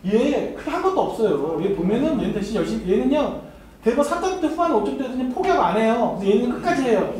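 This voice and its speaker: A man's voice: very high voice, very animated, fast talker, a little mellow. A man giving a university admissions seminar as an academy lecturer, teasing the students and speaking straight to them with frequent laughter. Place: seminar hall. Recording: very echoey hall, mic far off, faint noise.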